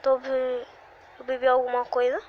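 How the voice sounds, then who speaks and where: Excitable high-voiced woman gamer. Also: moderate pace, dull audio, noisy background. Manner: excitable and exclamatory, constant little sighs and cries. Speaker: gaming video creator. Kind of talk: live gameplay commentary. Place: at home.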